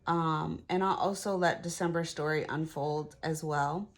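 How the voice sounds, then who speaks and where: A woman's voice: sits low, fairly even intonation, measured pace. A middle-aged woman talking casually through her craft project at home, thinking aloud with plenty of fillers. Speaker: craft vlogger.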